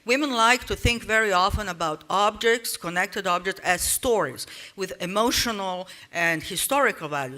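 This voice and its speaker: Woman speaker, bright and forceful, loose and digressive delivery. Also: mid-range voice. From Serbia. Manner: rambling, with many restarts and "you know" asides. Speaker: speaker at a conference panel. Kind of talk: informal conference talk.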